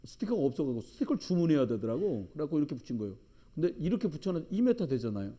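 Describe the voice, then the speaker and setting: A man's voice: a little high, big pitch swings, rapid-fire, warm tone. A middle-aged man preaching a sermon as pastor in a church, with emphatic, joking storytelling. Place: church sanctuary.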